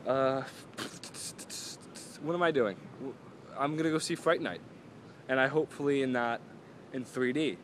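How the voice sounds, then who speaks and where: A man's voice: medium pitch, a little slow, pauses often, a little hiss or hum. A young man in a casual, rambling vlog, filmed outdoors in a parking lot. He is chatty and self-mocking, and often trails off and restarts. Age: young adult. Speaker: vlogger. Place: outdoors in a parking lot beside parked cars.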